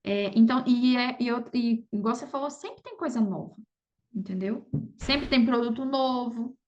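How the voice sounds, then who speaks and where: Speaking as an interview guest on a podcast, a Brazilian affiliate marketer keeps things casual, often tagging lines with check-ins like "sabe" and "entendeu." Her fairly high, slightly mellow voice moves at a moderate pace, and the recording sounds muffled.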